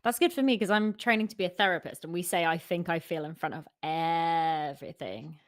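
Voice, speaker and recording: A woman taking part as a student in a casual language lesson, relaxed and jokey. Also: fairly low pitch, brisk.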